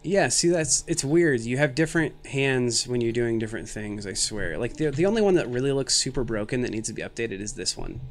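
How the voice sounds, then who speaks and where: A man's voice: medium pitch, fairly quick, few pauses. A man of thirty streaming a game, chatting with viewers in a rambling, self-mocking, jokey way, tired and a little loopy from too little sleep and too much caffeine. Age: 30s. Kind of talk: casual live-stream commentary.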